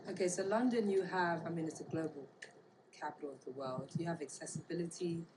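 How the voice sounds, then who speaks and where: A woman from Bermuda, talking casually and reflectively in an interview, pausing to search for words. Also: deep voice, over loud music, rough recording. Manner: thoughtful, halting, searching for words. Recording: clear background ambient noise.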